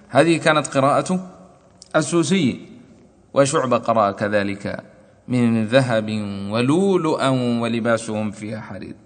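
A man teaches Quran recitation at a measured pitch, set neither high nor low. He explains each reading at length and slips into chanted verses. The voice rings with a long hall reverb. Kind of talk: lesson explaining a recitation poem.

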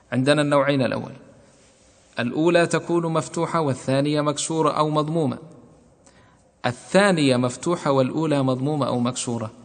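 A man teaching a classroom lesson on Quran recitation rules, methodically repeating points and asking and answering his own questions. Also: fairly high pitch. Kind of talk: classroom lesson explaining verse. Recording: long hall reverb.

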